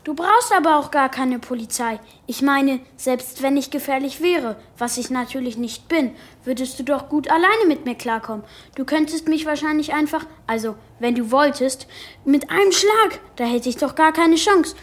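A woman's voice: high voice, lightly acted. An actress voicing a nervous, rambling boy superhero in a children's radio play, stammering and hurrying her words. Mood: pleading. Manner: stammering, talks fast and rambles when nervous.

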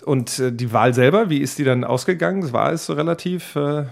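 A German-speaking man hosting a casual interview, asking relaxed follow-up questions. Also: fairly high pitch, brisk, vocal fry. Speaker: podcast host.

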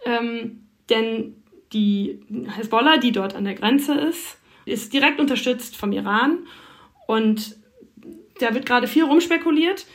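Higher-voiced woman explaining at length. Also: expressive, measured pace. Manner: thoughtful, explaining at length with frequent fillers. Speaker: foreign correspondent. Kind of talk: explanatory interview answers.

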